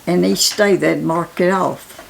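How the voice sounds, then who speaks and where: Very old Appalachian woman, gravelly and creaky. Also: fairly low pitch, steady tone, a crowd in the background. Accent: Southern Appalachian. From Appalachia, United States. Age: 90s. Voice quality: aged, gravelly voice. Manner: halting, repetitive, plain-spoken. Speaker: interviewee. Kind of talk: casual reminiscence.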